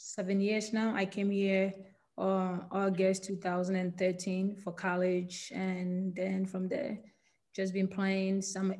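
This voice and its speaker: A Ghanaian woman in her twenties, a professional footballer, is a guest on a podcast interview, answering questions earnestly with lots of fillers and restarts. Her voice is lowish and darkish, and her Ghanaian accent carries some American English influence.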